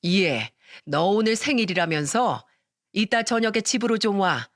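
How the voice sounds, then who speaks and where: Woman putting on a mother-in-law, older, greedy, domineering, shrill, slow demanding drawl, dry. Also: lively intonation, dry recording, lightly acted. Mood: scheming.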